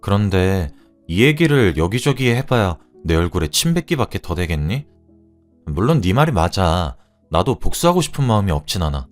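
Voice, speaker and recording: A man's voice: low voice, sing-song, moderate pace, faint music behind. A man doing Mina, an icy young woman. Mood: calm, gentle. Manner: cold and cutting. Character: sharp, icy young woman civil servant.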